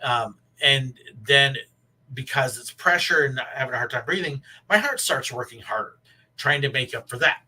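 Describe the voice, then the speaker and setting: A man with a wheezy, breathless voice, very bright and forceful but husky around the edges. He hosts a casual livestream, rambling and haltingly thinking aloud, picked up by a somewhat distant mic. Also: medium pitch, animated. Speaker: live stream host.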